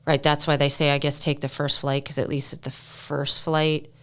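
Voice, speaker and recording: A woman co-hosting a podcast in casual chat, upbeat, with quick reactions and banter. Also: deep voice, flat delivery, a bit bright, smooth. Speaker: podcast co-host.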